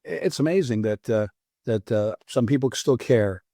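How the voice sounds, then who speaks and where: An older American man, a guest author, answering interview questions in an earnest, reflective and halting way. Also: medium pitch, animated, mellow, no room sound, clean studio sound. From United States.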